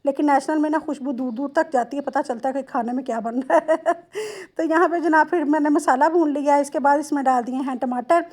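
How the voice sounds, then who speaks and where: A woman in her thirties from Lahore with a Lahori accent, chatting homely and warm-toned through a cooking vlog voice-over, addressing viewers directly. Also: high voice, fairly quick. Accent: Lahori Punjabi-tinged Urdu. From Lahore, Pakistan. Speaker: home cooking vlogger.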